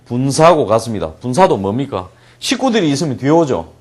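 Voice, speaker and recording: Animated male English teacher lecturing. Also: mid-range voice. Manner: slow deliberate English reading, quick Korean explanation; asks questions and answers them himself. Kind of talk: classroom lecture.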